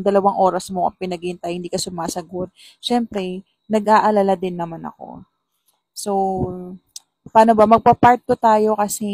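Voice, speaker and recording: A young woman vlogger telling a personal story in a chatty, animated way, with exasperated asides. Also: mid-range voice, no echo. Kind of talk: casual storytelling vlog.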